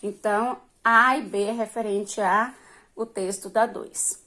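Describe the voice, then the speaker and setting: Slow, patient woman teacher. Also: medium pitch, fairly even intonation, bright, forceful tone. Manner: slow, patient, drawn-out emphasis on syllables. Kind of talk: remote primary school lesson.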